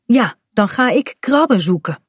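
A feisty little girl playing pirate in a storybook reading, bold and cheeky, as a woman puts her on in a raised, bright voice that swings up high. The delivery is slow and close to the mic. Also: lively intonation, breathy edge, no room sound. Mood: chatty.

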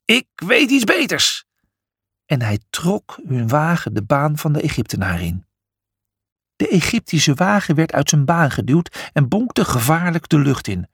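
A man's voice: a little high, sing-song, moderate pace, slightly rough, no room sound, clean studio sound. A man narrating a children's adventure story, reading expressively.

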